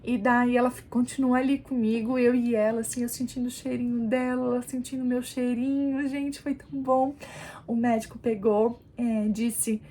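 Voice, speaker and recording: A young woman vlogger casually telling a story to camera in an animated way, often calling out to her viewers and showing what she did. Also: on the high side, moderate pace, slight background noise. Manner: animated, addresses viewers as "gente", demonstrates positions. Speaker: vlogger, new mother.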